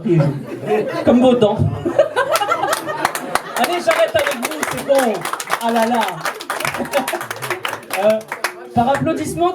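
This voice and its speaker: A young male comedian works a club stage and needles the crowd with quick asides. He is picked up from a distance, so the voice sounds a little removed. Clear audience laughter rises around his lines. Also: very high voice. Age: 20s. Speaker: stand-up comedian. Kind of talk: stand-up routine.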